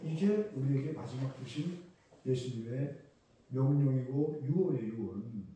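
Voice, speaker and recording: A male pastor giving a sermon, asking the congregation questions and swinging between loud emphasis and soft asides. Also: mid-range voice, expressive, measured pace. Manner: conversational preaching with questions to the congregation. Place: church sanctuary. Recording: echoey church room, mic at a distance.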